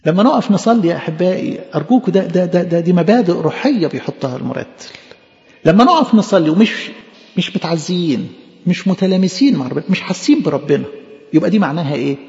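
A man's voice: high-pitched, lively intonation, fast, vocal fry, darkish tone. A man preaching a sermon in an Egyptian Arabic accent, impassioned and pleading, repeating phrases for emphasis. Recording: echoey hall, dull lo-fi sound.

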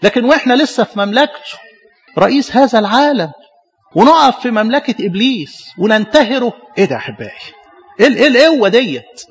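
A man's voice: very high-pitched, very animated, fast, breathy edge, highs cut off. A man with an Egyptian Arabic accent, a priest preaching a sermon and asking his congregation rhetorical questions.

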